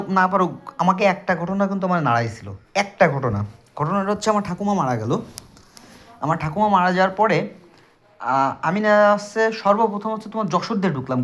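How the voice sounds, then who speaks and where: On a dull lo-fi recording, a man with a southwestern Bangladeshi Bengali accent shares a personal ghost story with his friends. His high, fairly bright voice moves briskly. He keeps it casual and emphatic, addressing the listeners directly.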